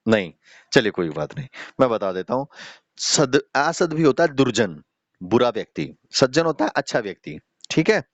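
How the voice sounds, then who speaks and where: Male teacher, mid pitch, patient and explanatory, questions the class, muffled dry call audio. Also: very animated, no room sound. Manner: explains slowly, often checks in with "ठीक है"; addresses students directly, asks questions. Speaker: Sanskrit teacher. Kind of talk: online class lesson.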